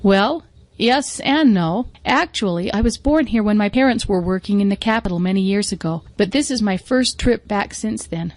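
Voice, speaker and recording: An actress plays a courteous woman traveller answering at airport customs. She speaks General American at a middle pitch in a scripted lesson dialogue, with a very dry sound. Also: expressive, moderate pace, few pauses, no room sound, lightly acted. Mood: polite, cooperative.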